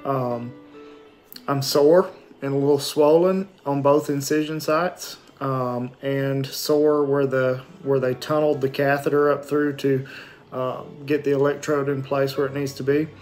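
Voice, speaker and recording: A man in his forties talks plainly to his phone in a casual recovery update. His pitch is average and he pauses often. His throat is sore and his lip and jaw are swollen and stiff. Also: level tone, a little mellow, faint music behind. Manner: halting, matter-of-fact, frequent pauses and throat clearing. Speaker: vlogger giving a post-surgery recovery update. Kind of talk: casual unscripted video diary. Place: small indoor room at home with shelves. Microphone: phone or webcam at arm's length.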